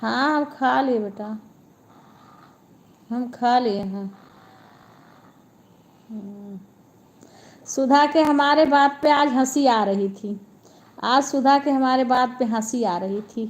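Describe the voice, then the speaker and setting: A woman's voice: sits high, slow pace, pauses often. A woman, chatting casually with viewers on a live stream from home, homely and repetitive. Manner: chatty, homely, repeats herself. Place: at home, lying down.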